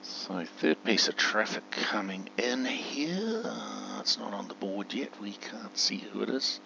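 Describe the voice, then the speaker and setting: A gamer chats casually while playing a simulator, reasoning aloud and speaking radio commands. His gravelly, lowish voice is animated and a little slow, captured in a dull, muffled home recording with a faint hum underneath.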